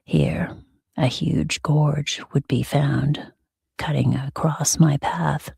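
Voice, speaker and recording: A woman reading as a sleep story narrator in a hushed, soothing, breathy ASMR whisper with soft pauses. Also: deep voice, fairly even intonation, no echo, studio quality.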